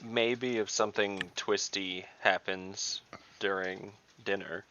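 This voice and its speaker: A man with a lowish, steady voice, pushed and bright, speaks slowly as a player in an online tabletop game. He chats casually over an online voice call, recorded dull and lo-fi with keyboard typing audible.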